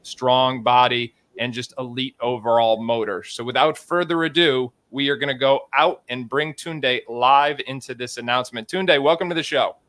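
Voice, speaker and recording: A man's voice: mid-range voice, fairly even intonation, moderate pace, hardly any pauses, fairly bright tone, no echo. An American man hosting a sports show with polished, emphatic commentary and interviewing. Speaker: sports show host and scouting analyst.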